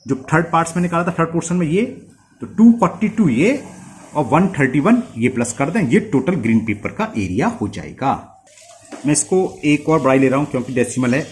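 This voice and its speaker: A man with an Indian accent works through a maths problem out loud, speaking at a middle pitch and often checking that the viewer is following. A faint hiss of noise sits under his voice. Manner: thinks aloud while writing, checks in with the viewer. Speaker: maths teacher. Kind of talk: step-by-step maths lesson.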